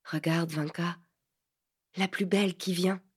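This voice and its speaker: A woman reading an audiobook, voicing a calm, gently teasing sixteen-year-old boy. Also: mid-range voice. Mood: hushed. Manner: soft, unhurried, coaxing. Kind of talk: audiobook character voice.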